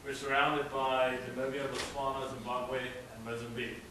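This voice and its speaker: At a cultural event in a large hall, a male student from South Africa, Afrikaans by birth, stumbles through a slideshow with many "uh"s in a laid-back way. He talks at a moderate pace in a medium pitch. Background noise is present, recorded by a mic set at a distance in the roomy space.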